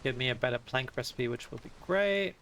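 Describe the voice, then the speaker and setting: With music underneath and slight background noise, an Australian man offers offhand commentary on the strategy game he's streaming. His medium-pitched voice is brisk, a bit bright and lively in intonation, and he thinks aloud, correcting himself as he ponders options.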